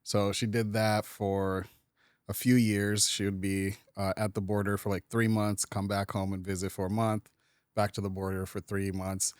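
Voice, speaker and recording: A man from Kenya, a podcast guest and business owner, telling his life story in a relaxed interview with lots of "uh" and easy laughs. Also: on the low side, normal speed, clean tone, no room sound, clean studio sound. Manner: easygoing, laughs often, many "uh" fillers.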